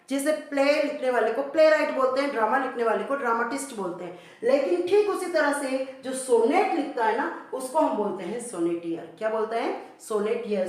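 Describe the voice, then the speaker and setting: A woman with an Indian accent teaching an exam-prep English lesson. She asks questions and then answers them herself, repeating the key points. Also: high voice. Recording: very echoey room.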